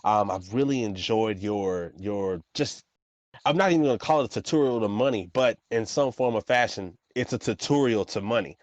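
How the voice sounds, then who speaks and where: A man hosting a casual interview podcast, talking in a halting way and often repeating words as he gathers his thoughts. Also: lowish voice, animated, no echo. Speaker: podcast host.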